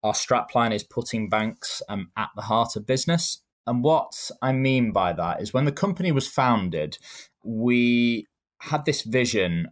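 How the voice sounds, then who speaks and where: A man in his thirties with a Manchester accent, answering interview questions in a measured, explanatory way with frequent ums. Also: fairly low pitch, a bit bright. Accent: Manchester English. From England. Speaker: guest.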